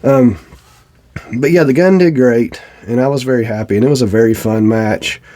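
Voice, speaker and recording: A middle-aged Southern US man who hosts a shooting channel chats plainly to viewers in a review, his nose slightly stuffy and congested. His voice is medium-pitched and dark in tone, at a moderate pace, with a folksy, plainspoken manner.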